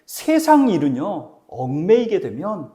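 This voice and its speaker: A man preaching a sermon, pitched high and full of movement in his voice. He keeps asking the congregation questions. He moves between forceful exhortation and near-whispered lines. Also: huge pitch swings, measured pace. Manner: dramatic swings from loud exhortation to near-whispers. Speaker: pastor.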